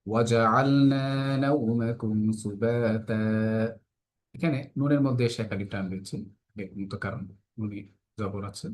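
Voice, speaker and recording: A man teaching a tajweed lesson for children, explaining the rules patiently step by step and reciting verses slowly with long drawn-out vowels. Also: lowish voice, a little mellow.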